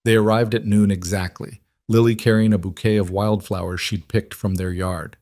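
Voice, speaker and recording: Low-voiced male story narrator. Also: level tone, normal speed, darkish tone, dry recording, clean studio sound. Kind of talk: scripted narration.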